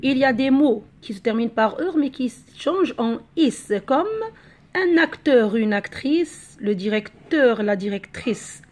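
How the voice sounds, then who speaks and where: A woman's voice: on the high side, normal speed, few pauses, a little mellow. A woman teacher giving a patient grammar lesson to a class, walking through many examples.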